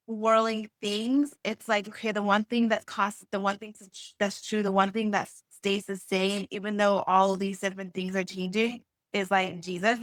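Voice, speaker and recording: A woman's voice: medium pitch, fairly bright tone, dry recording. A young woman guest in a conversational interview, speaking earnestly with frequent "like" fillers. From born in Haiti, raised in East Africa and the US. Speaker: podcast guest.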